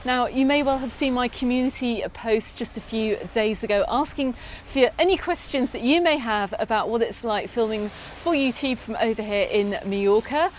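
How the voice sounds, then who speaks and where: A British travel vlogger with a British English accent answers viewer questions in an upbeat, chatty way from a lifeguard tower on a sunny beach outdoors. Her voice is on the high side at a normal speed, with frequent ums and restarts and slight background noise.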